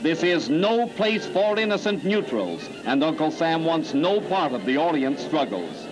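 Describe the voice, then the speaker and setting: A man's voice: fairly high pitch, big pitch swings, measured pace, music in the background, poor audio. A man announcing in an old 1930s newsreel, with an emphatic, declamatory delivery. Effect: old newsreel recording.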